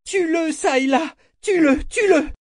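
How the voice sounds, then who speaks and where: A man's voice: very high-pitched, steady tone, fairly quick, no room sound, clean studio sound, pitched above the performer's own voice. A man reading an audiobook, voicing a furious, unhinged young woman who shrieks and repeats her words. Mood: shrieking rage. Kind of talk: audiobook character voice.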